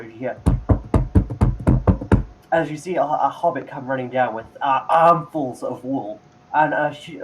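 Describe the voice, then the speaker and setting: A man's voice: mid-range voice, low-quality recording. Man narrating a tabletop game. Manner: halting narration with restarts. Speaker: game master.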